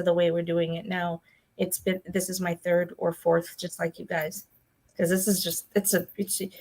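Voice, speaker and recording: A woman hosts a casual fan chat over a video call, talking in a chatty, rambling way and laughing often. Her voice is on the low side, and the recording quality is low.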